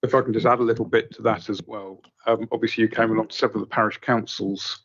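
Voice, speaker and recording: Man, meeting participant, raspy lowish voice, informal remarks, muffled audio. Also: steady tone, fast, a bit bright. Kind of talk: informal spoken comment at a meeting.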